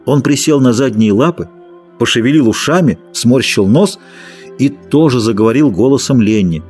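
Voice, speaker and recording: A man narrating an audiobook in an expressive storytelling manner. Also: mid-range voice, normal speed, soft background music.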